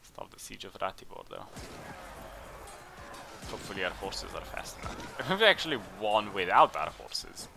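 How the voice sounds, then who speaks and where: A man hosting a let's play, chatting casually and thinking aloud as he plays, with bursts of excitement in tense moments. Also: lowish voice, moderate pace, vocal fry, pauses often, background noise. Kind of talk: casual game commentary.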